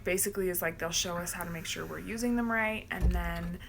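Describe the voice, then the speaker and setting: A woman's voice: lowish voice, gravelly, noisy background. A young American woman co-hosting a live vlog, telling stories in a chatty way and laughing easily. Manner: chatty, storytelling, quick to laugh. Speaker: vlog co-host. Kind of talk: casual live-stream chat.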